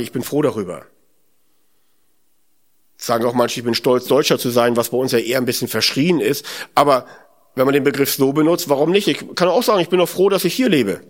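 A man giving a spoken sermon in a conversational way, musing aloud, asking rhetorical questions and often adding "ne?". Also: fairly high pitch. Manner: conversational, often adds tag "ne?".

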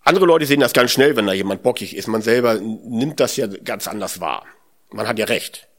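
A man's voice: fairly low pitch, expressive, brisk. A man giving a spoken sermon in a conversational way, musing aloud, asking rhetorical questions and often adding "ne?". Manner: conversational, often adds tag "ne?".

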